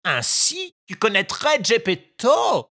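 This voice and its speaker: Woman voicing a kindly, chatty pigeon in a storybook, high calls, lively and dry. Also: slow, heavily acted. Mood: friendly. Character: big kindly pigeon, talkative and helpful.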